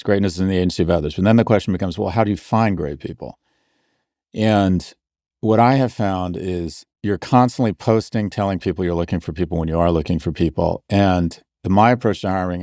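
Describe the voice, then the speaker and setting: A man's voice: low voice, dark tone, dry recording, clean studio sound. A middle-aged man hosting a podcast, answering a listener's question in a blunt, wry, self-mocking way. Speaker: podcast host. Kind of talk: casual podcast advice and ad read.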